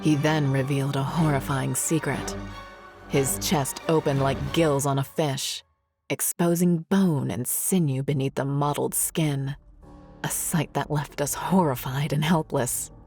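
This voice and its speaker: A woman narrating a scary story in a measured, ominous storytelling manner. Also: very deep voice, fairly even intonation, a little mellow, slightly rough, soft background music. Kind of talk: scripted horror narration.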